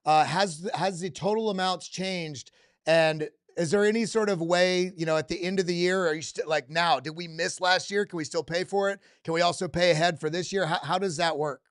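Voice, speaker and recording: A man hosts an interview with eager energy, cutting in to stress points and read out viewer questions. His voice sits fairly high and sounds smooth and clear. The sound is dry and close, with no room around it. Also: fairly even intonation, normal speed, no room sound. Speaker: host. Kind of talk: casual interview.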